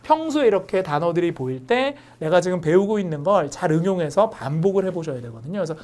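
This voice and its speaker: A young woman English teacher giving an online lecture, explaining pronunciation through lively stories. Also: lowish voice, fast.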